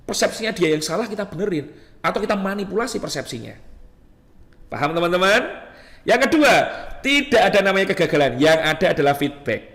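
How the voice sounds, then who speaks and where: An animated male doctor gives a lively teaching talk and acts out scenes with patients. His high voice swings widely and has a gravelly edge. A long hall echo trails his words. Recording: echoey hall reverb.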